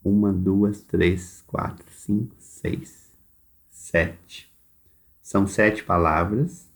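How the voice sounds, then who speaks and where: Slow, low-voiced Brazilian male teacher. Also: steady tone. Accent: Brazilian Portuguese. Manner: slow, deliberate dictation, stretching words syllable by syllable. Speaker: primary school teacher. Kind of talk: recorded remote class instructions.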